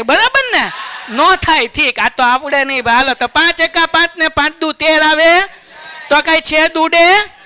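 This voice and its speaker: A man with a Kathiawadi Gujarati accent teaches a maths lesson in a high and very bright, ringing voice. He jokes with the class and keeps checking that everyone follows along. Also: slight background noise. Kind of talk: lively classroom lecture.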